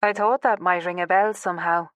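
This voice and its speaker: Woman reading as a calm, friendly man. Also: fairly low pitch, fairly quick, no room sound, dull audio, lightly acted.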